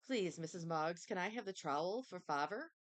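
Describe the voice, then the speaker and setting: A woman's voice: on the low side, animated, normal speed, natural voice. Woman reading as a solemn little girl. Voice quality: childish lisping speech. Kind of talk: storybook reading.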